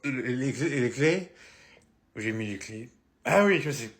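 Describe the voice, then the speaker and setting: A man's voice: medium pitch, animated, unhurried. A young man playing a hungover, evasive son in a comedy sketch, mumbling his excuses.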